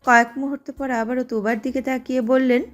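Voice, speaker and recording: A woman giving steady, scripted narration of an audio drama. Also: sits high, fairly quick, faint music behind. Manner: steady storytelling.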